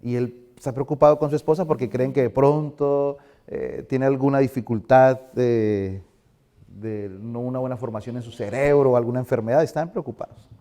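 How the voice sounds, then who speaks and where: A man's voice: mid-range voice, fairly even intonation, normal speed, dark tone. A middle-aged male pastor giving a conversational sermon in a church, asking the congregation questions.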